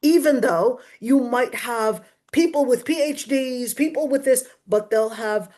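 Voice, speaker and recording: A woman's voice: sits high, measured pace, a little mellow. A woman lecturing as a religious teacher, didactic and emphatic, repeating key phrases to drive them home. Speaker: religious teacher giving a Quran exegesis class.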